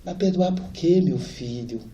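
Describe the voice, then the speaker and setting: A man voicing a rustic older father, a gruff man turned tender, speaking softly and heavy with remorse. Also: fairly high pitch, lively intonation, a little slow, highs cut off.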